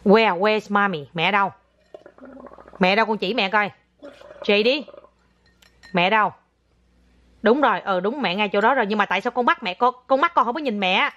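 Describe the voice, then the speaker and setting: A woman's voice: medium pitch, moderate pace, long pauses, fairly bright tone, dull audio. Patient mother coaxing her child. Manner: patient, coaxing, repeats herself, mixes in English. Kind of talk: casual talk with her young child.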